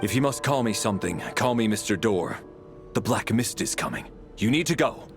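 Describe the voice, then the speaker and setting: Game role: dutiful guardian, low register, formal and terse, faint music underneath. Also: male voice, lively intonation. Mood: stern, curt. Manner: formal, measured, curt. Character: terse, stoic, dutiful protector, calm and guarded. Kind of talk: video game voice acting.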